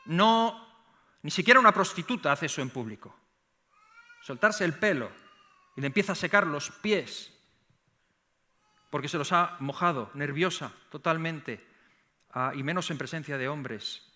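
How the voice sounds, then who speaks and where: A middle-aged man with a Spain Spanish accent preaching a sermon in church, animated, often repeating words and rising to emphatic peaks. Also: on the high side, measured pace, long pauses. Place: church sanctuary.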